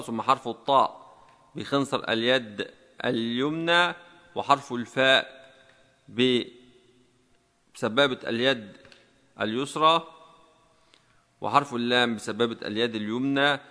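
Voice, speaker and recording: A male teacher walks through a typing lesson one step at a time, slow and deliberate, often repeating the key combinations. His voice is bright and forceful, with a long reverb trailing each phrase. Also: medium pitch.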